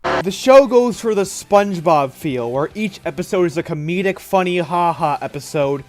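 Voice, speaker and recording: A man's voice: high-pitched, animated, normal speed. Sarcastic man ranting in a review. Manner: sarcastic, dismissive. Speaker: reviewer in a played clip. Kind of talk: scripted review rant.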